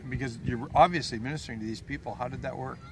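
A man's voice: mid-range voice, fast talker, background noise. Older male host asking questions outdoors. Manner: friendly, prompting questions. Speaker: host interviewer. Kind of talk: outdoor interview. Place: open hilltop outdoors.

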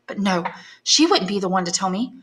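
For an audiobook, a woman reads aloud and voices an anxious young woman in love, earnest, pleading, and tender. Her natural voice is mid-range, expressive, a bit bright, and a little fast.

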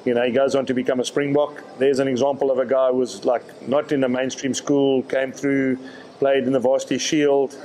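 A man, answering reporters' questions at a post-match press conference in a measured way, often repeating words as he thinks. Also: medium pitch, flat delivery, a little mellow, slight background noise, poor audio. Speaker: rugby director of rugby.

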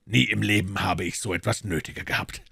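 A man voicing a calm, clever detective who talks in a measured way in an audiobook. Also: on the low side, gravelly, breathy edge, dry recording, studio quality, full character voice. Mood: explaining.

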